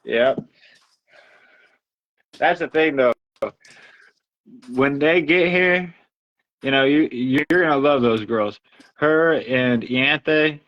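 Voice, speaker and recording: A man's voice: medium pitch, takes it slowly, long pauses. A man chatting casually on a livestream as its host, telling everyday stories in a talkative way. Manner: chatty storyteller, acts out others' remarks. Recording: dull lo-fi audio.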